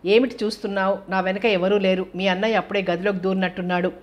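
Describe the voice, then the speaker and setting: A woman's voice: medium pitch, flat delivery, fast talker, muffled recording, close to an everyday voice. A woman voicing a sulky, touchy young man. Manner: peevish, sulky.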